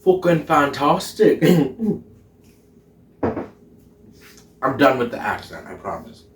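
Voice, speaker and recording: Here the same drag vlogger speaks very slowly in a sing-song, medium-pitched voice, giggling, cursing over each taste, and slipping into a put-on Irish lilt. It's relaxed cooking-vlog chatter from his home kitchen. Captured by a camera mic a few feet off, the audio carries kitchen echo and a bit of background noise.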